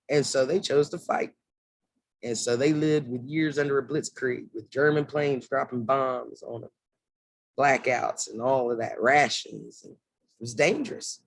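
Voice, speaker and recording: A man's voice: mid-range voice, gravelly, slightly rough, dry recording. A man giving a heated political monologue, swearing and acting out quotes as he goes. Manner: heated, swears, acts out quotes in lively asides. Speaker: political commentator.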